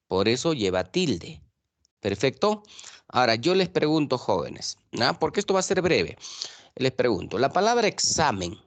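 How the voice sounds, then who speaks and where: A male teacher giving an online class on a video call. He explains rules slowly and keeps checking that his students follow. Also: mid-range voice, no echo.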